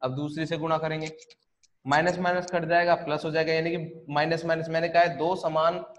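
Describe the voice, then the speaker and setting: Man, math teacher, online class, slightly higher voice, repeats steps, asks and answers himself. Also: flat delivery, fairly quick, muffled recording. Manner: repetitive, step-by-step explaining with rhetorical questions.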